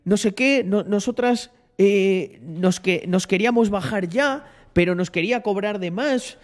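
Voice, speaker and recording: A man's voice: high voice, a little slow, pitched above the performer's own voice. A man imitating panicked young women who plead shrilly and frantically for help. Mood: frantic pleading.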